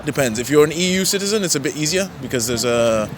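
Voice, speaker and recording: A young man raised in the Netherlands answering street-interview questions in a relaxed, hesitant way. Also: fairly high pitch, quick pace. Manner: relaxed, hesitant with many ums and restarts. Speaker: interviewee, law graduate. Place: outdoors on a city street. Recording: outdoor street noise with traffic.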